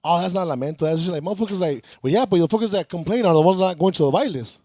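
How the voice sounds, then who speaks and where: A man in a band, talking in casual, profane, excitable Spanglish on a podcast. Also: high-pitched, racing, dry recording, clean studio sound. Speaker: band member guest.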